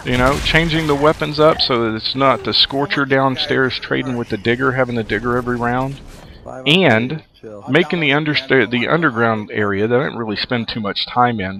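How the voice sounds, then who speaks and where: A man's voice: medium pitch, fairly bright tone. A man giving rambling, casual commentary over his own multiplayer match, full of fillers. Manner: rambling and conversational, many fillers. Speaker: gaming commentator.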